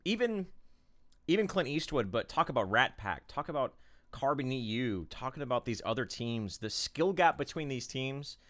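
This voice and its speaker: A man casting a live esports final, talking fast and loosely through the picks with plenty of fillers and excited jumps. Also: mid-range voice. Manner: rambling, excitable play-by-play with fillers. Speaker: esports caster.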